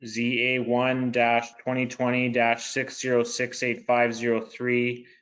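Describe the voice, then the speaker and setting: A man chairing a municipal council meeting in a flat, monotone way, reading items and calling votes. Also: mid-range voice, measured pace, muffled recording. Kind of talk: formal meeting procedure.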